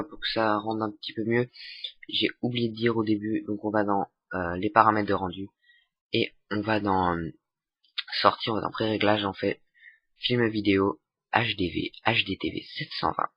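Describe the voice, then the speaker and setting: A young man giving a casual software tutorial, hesitant with many fillers and restarts. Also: fairly low pitch, fairly even intonation, moderate pace, slightly rough, dry recording. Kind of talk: casual screen-recorded tutorial. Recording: dull lo-fi desktop mic.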